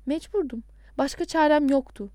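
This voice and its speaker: A woman's voice: high voice, moderate pace, dark tone, no echo, clean studio sound, pitched above the performer's own voice, natural voice. A woman reading Doğan, a pleading man. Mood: apologetic. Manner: pleading, insistent. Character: adult man, pleading, insistent caller back from the dead.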